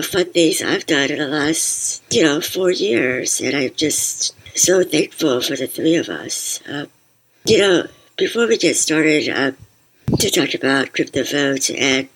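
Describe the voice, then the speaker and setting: A woman with a husky, breathy voice, hosting and interviewing on a podcast. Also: low voice, slight background noise, poor audio. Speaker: podcast host.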